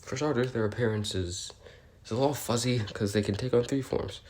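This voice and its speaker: Close to an everyday voice, this man has a medium pitch, a darkish tone and a slightly fast pace. He portrays a curious, awkward, bookish researcher recording species notes in an audio log, explaining semi-improvisationally in character with hesitant, rambling, politely apologetic phrasing and a musing, curious mood.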